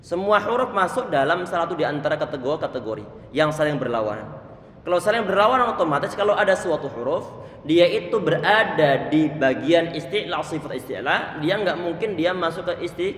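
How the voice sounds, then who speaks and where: Middle-aged male recitation teacher, a bit high-pitched, patient and repetitive, recorded in a boomy, echoing room. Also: fairly bright tone, a little hiss or hum. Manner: repeats and models letter sounds, stops to check the listener; frequent restarts on words. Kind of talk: tajwid lesson explaining letter sounds. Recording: echoey room with long reverb.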